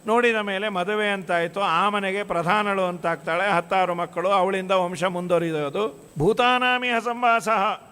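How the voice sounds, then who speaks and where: Bright high-voiced man preaching in a hall. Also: steady tone, moderate pace, clear, resonant tone. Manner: storytelling, acts out quoted dialogue; chants scripture verses in melody. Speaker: religious discourse speaker. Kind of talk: devotional sermon. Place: monastery hall.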